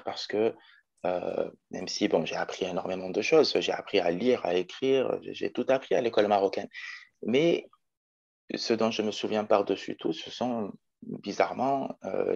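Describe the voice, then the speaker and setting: A man's voice: lowish voice, vocal fry, a little mellow, lo-fi sound. A man in his twenties from Morocco, a teacher talking as a guest in a casual interview, thoughtful with many hesitations. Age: 20s. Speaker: guest, special education teacher.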